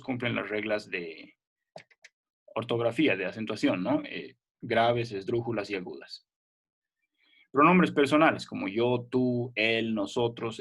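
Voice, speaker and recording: A man teaching a remote primary school language class, explaining patiently and checking in often with short questions. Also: medium pitch.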